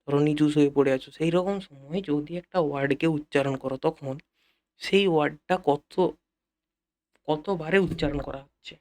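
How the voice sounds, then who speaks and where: A man teaching an English lesson in a Bengali accent, repeating key phrases slowly and speaking directly to his students. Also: on the high side, darkish tone. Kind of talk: classroom-style lesson explanation.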